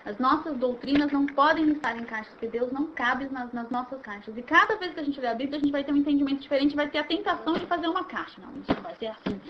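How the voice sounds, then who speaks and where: A woman leading an informal Bible study, animated and acting out scenes as she explains. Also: high voice, fast talker, few pauses, muffled recording, slight background noise. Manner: animated, acts out scenes, repeats words while restarting.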